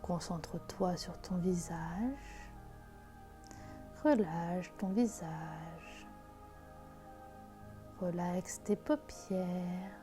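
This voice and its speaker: A woman guiding a relaxation meditation in a soft, hushed, intimate voice, as if speaking right in your ear. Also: on the low side, very slow, long pauses. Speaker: sophrology guide. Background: music.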